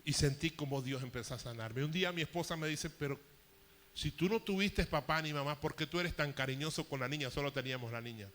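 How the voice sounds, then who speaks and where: A man's voice: a little high, fairly quick, fairly bright tone. A man in his fifties preaching a sermon as a pastor, telling a personal story with emotion and rising intensity. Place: church hall. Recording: long hall reverb.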